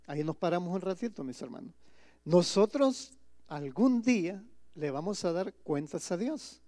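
A man's voice: high voice, animated, normal speed, dark tone, dry recording, studio quality. A male pastor preaching a sermon, reading scripture aloud and breaking off to explain it, often checking in with the congregation. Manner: reads scripture aloud, then explains it in plain asides; keeps asking the congregation "¿verdad?" and "mis hermanos". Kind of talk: Spanish-language sermon. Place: church.

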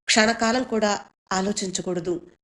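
A woman reading her own short story aloud in a measured, solemn way. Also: medium pitch, fairly bright tone. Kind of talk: story narration.

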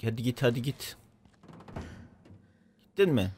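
A man in his thirties giving casual let's play commentary, reacting excitably to the game with frequent exclamations and swearing. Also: mid-range voice, measured pace, a little hiss or hum. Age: 30s.

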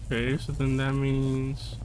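Man, let's-play commentary, swearing and slangy, shouts when startled, faint background noise. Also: medium pitch, monotone, measured pace. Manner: profane, reactive, talks to himself and the game; slangy casual speech. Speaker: gaming video host.

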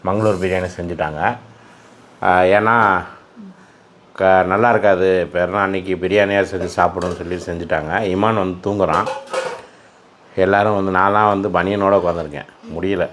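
A man's voice: low voice, fairly even intonation, brisk, pauses often, a bit bright. A man hosting a casual family vlog, talking glumly straight to his viewers. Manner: glum, talks straight to viewers, sings a sad song a few times. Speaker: family vlogger.

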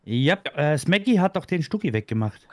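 Man calmly walking through his alibi. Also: on the high side, normal speed, no room sound, studio quality. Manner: lays out events step by step, defensive. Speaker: game player. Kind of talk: casual voice chat during a social deduction game.

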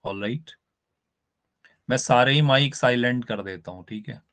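A man's voice: mid-range voice, fairly bright tone. Male teacher, live online lecture, patient step-by-step explainer who keeps checking in with students. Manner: spells out words slowly for emphasis.

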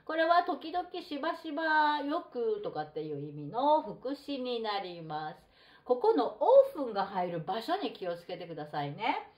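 A middle-aged woman teaching a textbook English lesson, reading model phrases slowly and deliberately. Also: on the high side, very animated. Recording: roomy echo.

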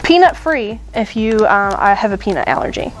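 A woman's voice: mid-range voice, sing-song, normal speed, background noise. A woman in her thirties hosting a casual candy shop chat, upbeat and chatty with fillers and small laughs.

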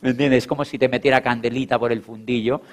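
A man's voice: mid-range voice, steady tone, quick pace. A man giving a motivational stage talk to an audience, repeating phrases for emphasis and acting out quoted voices. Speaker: motivational speaker.

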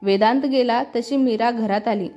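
A woman's voice: a little high, moderate pace. Woman narrating a story over music. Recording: slightly muffled with soft music.

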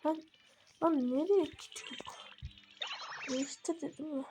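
Exasperated high-voiced woman gamer. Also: a little slow, noisy background. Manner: exasperated, talks to herself while playing. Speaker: gaming video host. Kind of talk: casual gameplay commentary.

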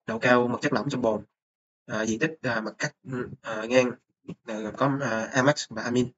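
A young Vietnamese man, a student, presents a course report over a screen recording, speaking hesitantly with lots of filler sounds. His voice is mid-range with a fairly bright tone, captured on a dull lo-fi mic with faint noise.

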